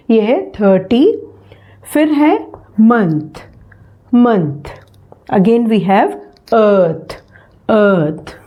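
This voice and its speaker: A woman teacher giving a bilingual phonetics lesson, slowly saying each word again and again. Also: on the high side, lo-fi sound. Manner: slow, repeats each word aloud.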